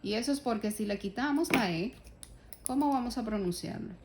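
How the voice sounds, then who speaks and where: A woman's voice: fairly high pitch, expressive, fairly quick, slight background noise. A woman teaching a German grammar lesson in Spanish, explaining patiently step by step and asking her students rhetorical questions. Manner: addresses the class as "ustedes", asks rhetorical questions. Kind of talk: spoken language lesson.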